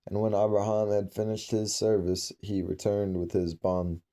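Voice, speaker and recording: A man reading aloud from an old scripture in a measured, solemn way, with occasional slips and restarts. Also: fairly low pitch, completely flat delivery, warm tone. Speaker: scripture reader.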